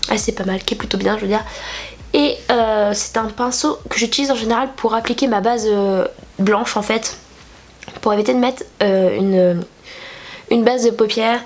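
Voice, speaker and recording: There's a little hiss or hum under this young woman's medium-pitched voice. A French beauty vlogger with a cold, she sounds nasal and blocked up while she chats casually and rambles through a makeup tutorial, using many fillers.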